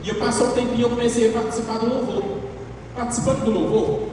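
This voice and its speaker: A man in his thirties, a worship leader and singing teacher, gives an animated church talk to a live audience and acts out the lines he quotes. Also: very high-pitched, quick pace. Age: 30s. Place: large church hall. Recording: echoey hall, distant mic, noise.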